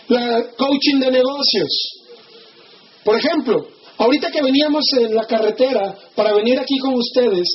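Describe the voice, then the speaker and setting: Mexican male seminar speaker, lively and theatrical, dull lo-fi sound with light background noise. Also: extremely high pitch. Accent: Mexican Spanish. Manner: animated, acts out quoted people, asks the audience for agreement. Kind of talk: motivational seminar talk.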